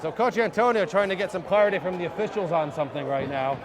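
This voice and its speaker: A man in his thirties doing play-by-play for a high school basketball game, excited and short of breath, shouting at the big plays. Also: fast talker. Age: 30s. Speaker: play-by-play announcer. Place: school gymnasium. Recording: crowd noise in a gym. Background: loud cheering crowd.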